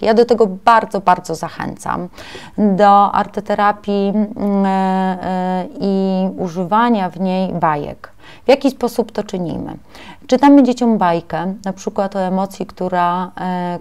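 A woman presenting a webinar lecture to preschool teachers, often pausing with filler sounds as she explains her slides. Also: mid-range voice, darkish tone, clean tone.

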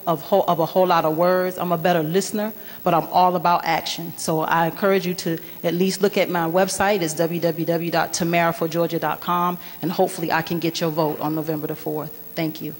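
A woman giving an earnest debate closing statement on a handheld mic, driving points home with repeated "we need to". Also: on the low side. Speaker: state senate candidate. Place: large indoor community hall. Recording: long hall reverb.

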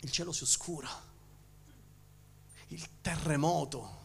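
A male pastor with a Sicilian Italian accent, preaching a sermon, swinging from loud emphasis to hushed near-whispers and often restarting his words. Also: a little high, expressive, a little slow, vocal fry, a little hiss or hum.

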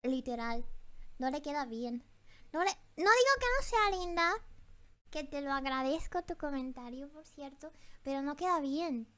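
A woman's voice: sits high, expressive, normal speed, fairly bright tone. A young woman from Japan reacting on stream, flustered, exclaiming and repeating herself.

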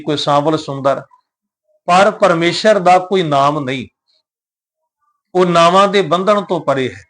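A man teaching a scripture lesson, reciting each verse slowly, then explaining every word to the listeners he addresses. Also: fairly high pitch, a bit bright. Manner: addresses the listeners directly and often. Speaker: Gurbani teacher.

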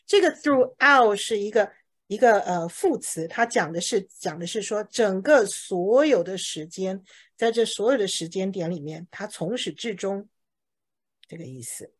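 A woman's voice: mid-range voice, lively intonation. Woman teaching English grammar patiently. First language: Chinese. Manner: patient explaining, reads example sentences slowly. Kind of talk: online English class explaining grammar.

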